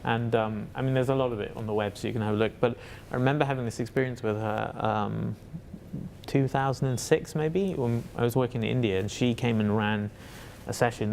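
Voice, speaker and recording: A man's voice: fairly low pitch, vocal fry, darkish tone, a little hiss or hum. A man talking as an interview guest about his work as a facilitator, in a reflective and hesitant way with many fillers and restarts. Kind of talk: reflective conversational answer.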